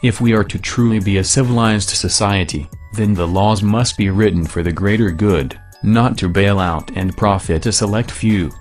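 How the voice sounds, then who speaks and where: A man reading a scripted protest manifesto in a disguised deep voice, solemn and measured, declaiming in repeated phrases. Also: faint music behind. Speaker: anonymous activist spokesman.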